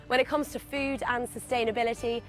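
A woman's voice: on the high side, fairly even intonation, brisk, soft background music. A woman presenting an outdoor feature report at a stadium, upbeat and scripted.

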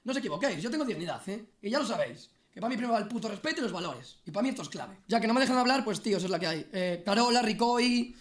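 A man's voice: high-pitched, lively intonation, very fast, hardly any pauses. An angry young streamer rants at full speed, his voice swinging wildly up and down. He sounds a little far the mic in a roomy space. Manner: angry, indignant, shouting at times. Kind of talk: heated livestream rant.

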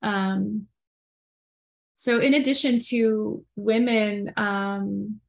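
A woman's voice: mid-range voice, fairly even intonation, extremely slow, creaky. A woman in her thirties co-hosting a live stream from home, speaking earnestly with many fillers and reading viewer comments aloud. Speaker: podcast co-host. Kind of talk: live-streamed casual talk.

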